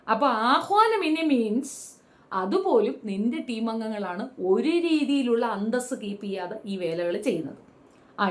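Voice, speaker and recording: Blunt, scolding woman vlogger with a fairly high voice. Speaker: reality show commentator. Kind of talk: opinionated commentary vlog.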